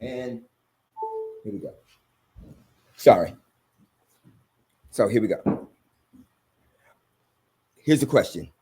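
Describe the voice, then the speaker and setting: A man's voice: medium pitch, expressive, extremely slow, pauses often, warm tone, slightly rough. A man hosting a sermon-style commentary, talking in an emphatic, repetitive preaching cadence. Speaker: host.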